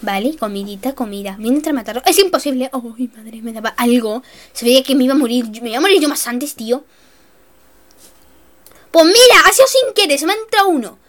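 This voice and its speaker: A young woman giving excitable, self-mocking gameplay commentary, swinging between shrieks and mutters. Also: sits high, fast. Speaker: gaming youtuber.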